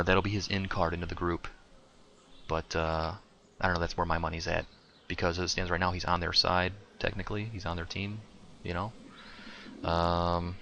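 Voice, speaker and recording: Deep-voiced man ranting sarcastically. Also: sharp tone, slight background noise. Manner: sarcastic, rambling, lots of fillers. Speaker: podcast host. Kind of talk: casual opinion rant.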